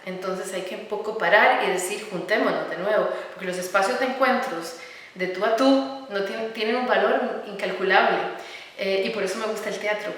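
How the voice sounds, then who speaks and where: A middle-aged woman with a Costa Rican Spanish accent, speaking earnestly as an interview guest, often pausing on fillers and repeating words. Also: mid-range voice. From Costa Rica. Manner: earnest, warm about children, many fillers and repeated words. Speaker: architect and educator, interview guest. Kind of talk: conversational interview. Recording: echoey room, recorded from some distance.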